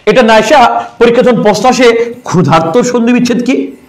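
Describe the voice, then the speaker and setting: Teasing high-voiced man teaching grammar. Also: brisk. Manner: rhetorical questions, answers them himself, teasing. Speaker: exam prep teacher. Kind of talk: online grammar class.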